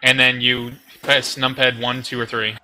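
A man on a group voice chat, reading out game rules and walking his friends through the controls. His voice is very bright and forward, and his tone is casual and patient. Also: mid-range voice, completely flat delivery, moderate pace, slight background noise, rough recording. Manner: instructive, explaining controls step by step. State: talking over group voice chat.

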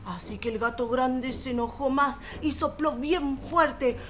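Playful high-voiced woman telling a children's tale. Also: measured pace, noisy background. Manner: playful, expressive, with voiced sound effects. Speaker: storyteller. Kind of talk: children's storytelling.

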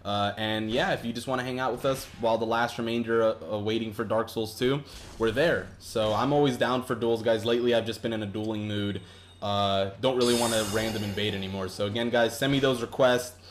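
A young YouTuber narrates his gaming in a lowish, steady voice at a slightly quick clip. The commentary is casual and wandering, profane, and full of restarted sentences, with a bit of background noise.

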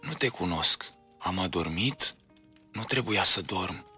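A man's voice: deep voice, lively intonation, bright, forceful tone, breathy edge, faint music behind, full character voice. A man voicing a tired and frightened old grandmother in a read-aloud storybook. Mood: weary. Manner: weary, trembling.

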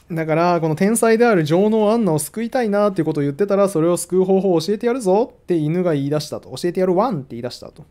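A man's voice: a little high, warm tone. A man hosting a live stream, reading a business book aloud and mocking it in a sarcastic, exasperated tone.

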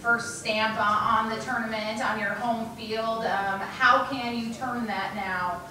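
A woman's voice: a little high, steady tone, takes it slowly, pushed and bright, slight background noise. A woman reporter asking questions at a press conference, rambling and restarting as she goes. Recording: echoey, from far off the mic.

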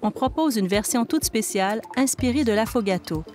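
A woman with a Québécois French accent giving scripted narration for a food report, in an even, measured delivery. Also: a little high, over music.

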